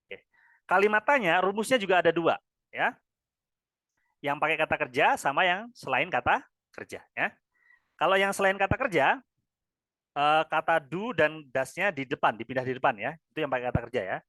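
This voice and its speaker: Indonesian male teacher, bright and a bit high, patient drilling style, tags phrases with "ya", dry close mic. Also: expressive, moderate pace, long pauses, no echo. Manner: repeats "ya" after each phrase, drills answers with students. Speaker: English teacher. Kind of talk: classroom grammar lesson.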